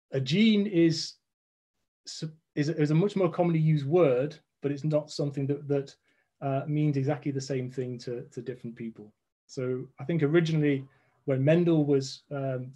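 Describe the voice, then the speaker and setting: A man in his forties joins a video call from a red-walled room at home as a guest scientist. He explains things step by step, restarting often, in a warm, mid-range voice.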